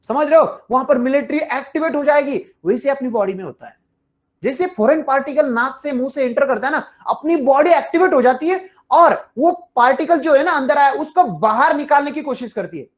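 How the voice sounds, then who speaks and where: Higher-pitched woman teaching, quizzing herself. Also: animated, brisk. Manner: asks students questions and answers them herself; chuckles while explaining. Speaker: biology teacher. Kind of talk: online exam-prep lecture.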